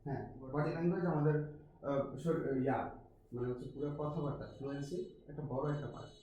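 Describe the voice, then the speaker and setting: A man's voice: a little high, fast, dark tone, recorded from a distance, muffled recording. A man with a Bangladeshi accent teaching an English class, mixing Bengali and English and asking his students questions. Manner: mixes Bengali with English, asks students questions, frequent restarts. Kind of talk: classroom lecture. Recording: very echoey classroom with some noise.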